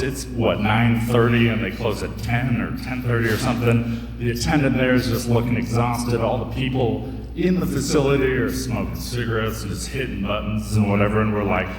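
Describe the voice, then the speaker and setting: A young man from the United States, mid-range in voice and brisk in delivery, tells a chatty, joking story stuffed with fillers and asides from a stage in front of a live audience. The recording comes from a distance in an echoey hall, with the crowd audible.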